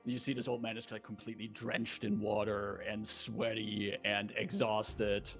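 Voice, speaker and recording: A man narrating as game master of a tabletop role-playing game in halting, improvised phrases. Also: on the low side, flat delivery, a bit bright, soft background music.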